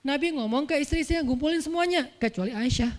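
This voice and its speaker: A man's voice: very high-pitched, fast, slight background noise. A man preaching a casual storytelling sermon in slangy everyday speech, playfully acting out the dialogue of the people in his story. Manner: playful, acts out quoted dialogue in colloquial slang. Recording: reverberant hall.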